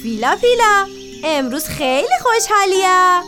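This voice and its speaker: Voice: extremely high pitch, sing-song, voice pushed up. A woman doing a chirpy little storybook squirrel. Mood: excited. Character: small cheerful young squirrel. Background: music.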